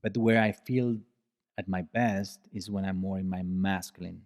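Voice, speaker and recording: On his reflective solo podcast, a male host talks through his ideas earnestly and explanatorily, repeating key phrases to drive them home. His somewhat low, slightly mellow voice moves at a moderate pace with fairly even intonation. His English shows some non-native slips in phrasing and grammar.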